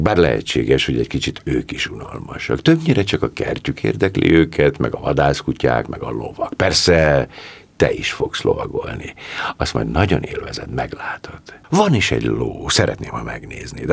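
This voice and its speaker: A confident young country squire, as a male narrator puts him on, breezy and reassuring. The voice sits very low, with a husky, gravelly grain. It is an audiobook reading. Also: heavily acted.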